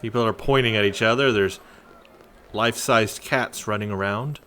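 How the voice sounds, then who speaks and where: A man's voice: lowish voice, normal speed, a bit bright. A man giving casual, jokey commentary while playing a video game and reading text aloud. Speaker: gameplay commentator. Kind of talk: casual let's play commentary.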